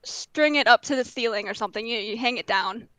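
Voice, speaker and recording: A woman's voice: a little high, fairly quick, clean tone, no echo. A woman who grew up in Denmark, co-hosting a casual podcast and telling stories at an easy pace with many fillers. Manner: relaxed storytelling with many fillers. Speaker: podcast co-host. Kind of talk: casual chat.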